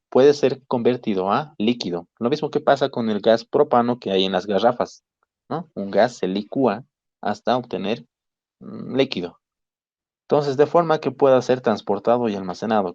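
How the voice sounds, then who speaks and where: A man's voice: mid-range voice, darkish tone, dry recording. A male chemistry teacher gives an online lecture, explaining step by step and often checking in with his students. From Bolivia. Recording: dry, dull lo-fi call audio.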